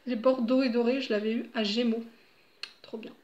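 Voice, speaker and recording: A woman's voice: on the high side, steady tone, moderate pace, darkish tone, dull audio. A middle-aged woman at home, chatting casually and rambling with laughs and fillers. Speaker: vlogger.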